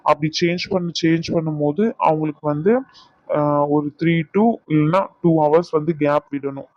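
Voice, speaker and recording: A man voicing a calm doctor in a cartoon, explaining a treatment in a steady way. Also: a little high, moderate pace, no echo, dull audio, close to an everyday voice.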